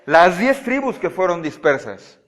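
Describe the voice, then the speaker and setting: A man teaching a Bible study, animated and often checking with his listeners. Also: high voice, a little slow. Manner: animated, asks the audience frequent checking questions. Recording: audio-only recording of a live talk.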